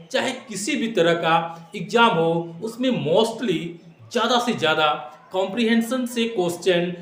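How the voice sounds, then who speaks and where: Guy teaching exam tricks, kinda high pitched, keeps asking "what do you do" and mixing english in, roomy echo. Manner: repetitive, asks rhetorical questions, mixes in English phrases. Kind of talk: classroom-style exam tips lesson. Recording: echoey room.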